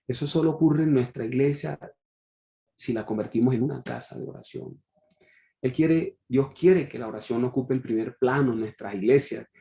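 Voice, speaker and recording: A man's voice: medium pitch, creaky, warm tone, reverberant. A male pastor preaching a sermon and telling a story, acting out the voices of the people in it.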